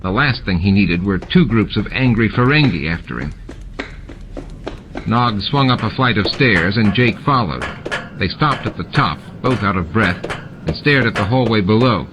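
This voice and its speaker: In a muffled recording full of noticeable background noise and ambient sound effects, a man reads a scripted story as an audiobook. His fairly low voice is animated and moves at normal speed.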